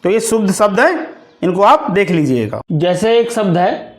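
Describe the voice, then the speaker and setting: High-pitched guy going through grammar words slowly, one at a time, like a classroom lesson. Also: animated. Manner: slow, deliberate, word-by-word dictation of correct and incorrect forms. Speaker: teacher. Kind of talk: Hindi grammar lesson for exam preparation.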